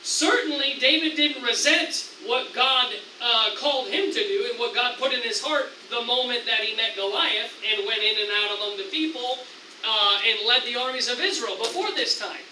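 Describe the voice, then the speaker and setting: A high, very bright-voiced American pastor preaching in a roomy church. The voice carries from some distance from the mic, with faint hiss beneath it. He preaches in an animated way, jumping into excited lines as he acts out tempters. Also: normal speed. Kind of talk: sermon. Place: church sanctuary.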